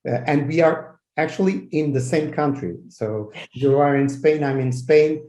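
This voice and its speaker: A man from Portugal hosting a casual online interview, halting and restarting as he makes his points. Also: fairly high pitch, warm tone, roomy sound. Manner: halting, restarts often, speeds up when making a point. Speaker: host.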